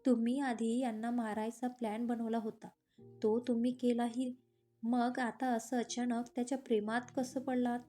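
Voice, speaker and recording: A woman's voice: a little high, little pitch movement, moderate pace, warm tone, faint music behind, close to an everyday voice. Woman reading as a timid, nervous henchman.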